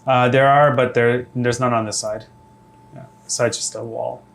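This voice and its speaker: A man running a tabletop game as dungeon master, relaxed and hesitant, laughing easily. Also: mid-range voice, normal speed, creaky. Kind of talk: casual tabletop game chat.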